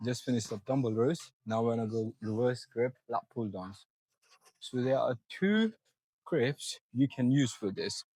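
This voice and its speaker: A man's voice: medium pitch, lively intonation, unhurried, a little mellow, husky, no room sound, poor audio. Breathless young man coaching in a gym. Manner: instructive, coaching viewers step by step. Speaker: fitness vlogger. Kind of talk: casual gym walkthrough.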